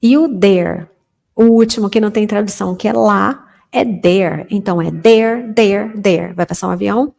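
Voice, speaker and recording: A woman whose first language is Portuguese, teaching a casual beginner English lesson and reading English example sentences slowly. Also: mid-range voice, creaky, a little mellow. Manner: chatty, informal, slows down to model English sentences.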